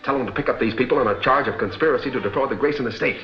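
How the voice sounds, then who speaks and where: A commanding masked crime-fighter, played by a man, barks quick, clipped orders. The 1940s serial soundtrack is dull and roomy, with music swelling behind him. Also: medium pitch, natural voice. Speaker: masked hero. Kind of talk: 1940s film serial acting.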